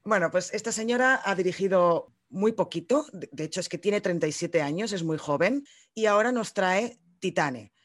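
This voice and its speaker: A woman's voice: mid-range voice, animated, moderate pace, hardly any pauses. A woman with a Spain Spanish accent co-hosting a film podcast, talking in a chatty way, explaining things and joking freely. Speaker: podcast co-host. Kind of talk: casual film podcast chat.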